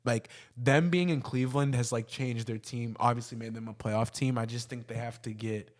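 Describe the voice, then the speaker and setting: A man's voice: medium pitch, steady tone, normal speed. A man hosting a sports podcast, giving his opinions in casual, conversational, slangy talk.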